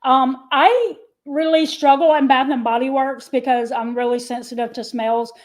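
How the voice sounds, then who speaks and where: A woman co-hosts a livestream in relaxed chat. Her voice sits a little high, and she laughs often and reads viewer comments aloud. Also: normal speed, poor audio. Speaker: livestream co-host. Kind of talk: casual chat.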